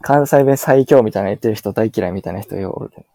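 Kansai-accented guy in his 20s, podcast co-host: low, gravelly, mellow, easygoing. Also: quick pace, dry recording. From Kansai, Japan. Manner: laid-back, agreeable, drawling fillers. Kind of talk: casual podcast chat.

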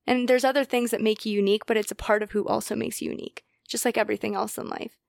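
A woman's voice: fairly high pitch, steady tone, quick pace, creaky, no room sound, clean studio sound. A woman hosting a podcast interview who talks in a reflective, affirming way and often murmurs agreement. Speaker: podcast host.

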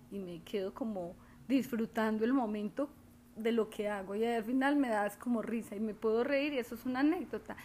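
A woman chatting casually, expressive and animated as she tells stories, softer and musing when she reflects. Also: a little high, a little hiss or hum. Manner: expressive, animated storytelling with put-on quoted voices. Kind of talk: casual chat.

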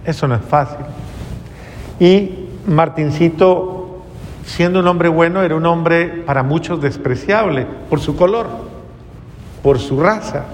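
A man's voice: a little high, slow pace, long pauses, big-room sound, slight background noise. A man preaching a sermon earnestly, often restarting his phrases.

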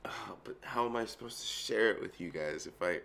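A man's voice: fairly low pitch, brisk, gravelly, sharp tone. A man co-hosting a podcast over a call, casual and flustered while sharing his screen. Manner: flustered, swears and laughs while fiddling with screen share. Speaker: podcast co-host. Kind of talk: casual chat.

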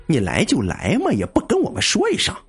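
A man's voice: medium pitch, wildly swooping pitch, a little fast, breathy edge, faint music behind, exaggerated voice. A man doing a brash, mocking dorm student. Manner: mocking and blunt. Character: brash, foul-mouthed male dorm student.

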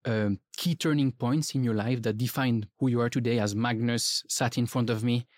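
A man's voice: medium pitch, steady tone, moderate pace, dry recording. Eager male podcast host, dry sound. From Switzerland. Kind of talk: interview conversation. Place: podcast studio.

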